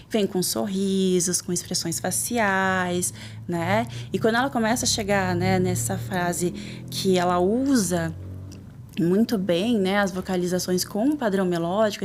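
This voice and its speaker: A Brazilian woman talking as a guest specialist on a podcast. She explains steadily and often checks in with "né?", with a middle pitch. Now and then she imitates baby babble. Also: a little hiss or hum. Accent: Brazilian Portuguese. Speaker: guest child development specialist.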